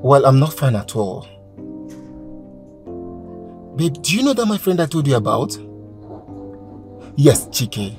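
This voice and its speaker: A Nigerian actor playing a friend who talks calmly and fondly on the phone in a Nollywood film. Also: male voice, medium pitch, moderate pace, over music, natural voice. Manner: calm, affectionate phone talk.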